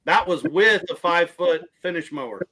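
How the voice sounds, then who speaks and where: A man's voice: on the high side, animated, normal speed, bright, forceful tone. A man chatting casually, plainspoken with hesitant restarts. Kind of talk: casual chat.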